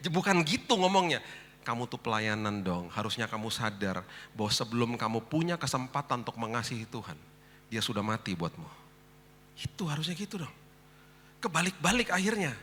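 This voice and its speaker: Man, Indonesian accent, pastor, casual animated sermon, sharp bright tone, echoing hall. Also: medium pitch. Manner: conversational, animated preaching with sudden loud rises. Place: church hall. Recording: long church hall reverb.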